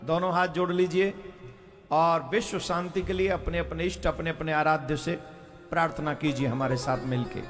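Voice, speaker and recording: A man's voice: a little high, fairly even intonation, normal speed, a bit bright, in a large hall, soft background music. A male preacher giving a devotional sermon to a live crowd, earnest and teasing the listeners, calling on them to respond. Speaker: kathavachak preacher.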